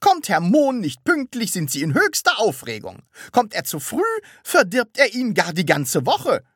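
A woman's voice: medium pitch, huge pitch swings, normal speed, fairly bright tone, no room sound, studio quality, voice pushed up. A woman voicing a nosy, impatient middle-aged landlady who pries and reproaches. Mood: prying. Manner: curious, prying, reproachful.

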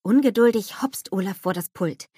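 A woman narrating a scripted children's story in a lively storybook manner. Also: mid-range voice, moderate pace, slightly rough, no room sound, studio quality.

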